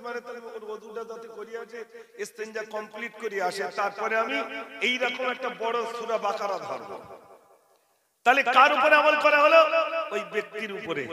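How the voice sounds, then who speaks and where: A man's voice: extremely high pitch, pushed and bright. A man gives a humorous sermon to a crowd, telling stories in quoted voices and asking the listeners questions. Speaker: Islamic preacher and ghazal singer. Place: outdoor religious gathering with a large crowd. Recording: echoey PA sound, crowd behind.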